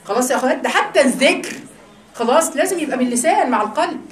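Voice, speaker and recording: A woman with an Egyptian Arabic accent giving a religious lesson to a group of women, talking in a lively, teasing, conversational way. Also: sits high, rapid-fire, reverberant. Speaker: religious teacher.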